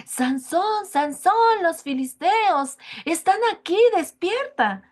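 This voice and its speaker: A woman's voice: medium pitch, wildly swooping pitch, takes it slowly, slightly rough, full character voice. A Mexican Spanish woman voicing a coaxing, scheming young woman with a wheedling, sing-song plead in a children's Bible story. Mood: alarmed shouting.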